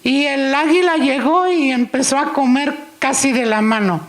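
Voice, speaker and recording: A woman's voice: sits high, normal speed. A woman preaching in church, unhurriedly telling a story and acting out its dialogue. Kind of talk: sermon storytelling.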